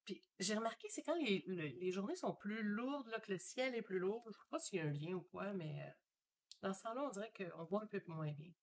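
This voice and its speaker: With slight background noise, a woman speaks a little fast in a mid-range voice and a Québécois French accent. She paints live from her home studio as a stream host, chatty and relaxed, thinking out loud with many fillers.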